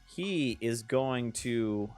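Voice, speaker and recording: Lively game master running a cyberpunk table. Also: male voice, mid-range voice, drawn-out words, soft background music. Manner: animated, calls out turns and counts squares.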